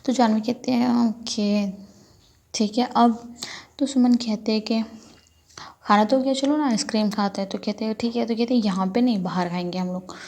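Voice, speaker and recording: Woman rattling off a story, kinda high but gravelly, dark mellow tone. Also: fairly even intonation. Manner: quick, chatty retelling with frequent "to" connectors. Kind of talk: casual spoken storytelling.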